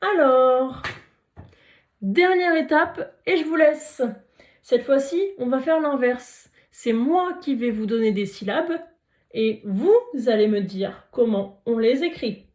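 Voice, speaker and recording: A woman teacher leads a phonics lesson for young children, stretching out each letter and syllable so they can be heard clearly. Her voice sits a little high, and she speaks slowly, pausing to praise and encourage the listeners. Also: lively intonation, a little mellow. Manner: slow, careful, drawn-out sounding of letters and syllables.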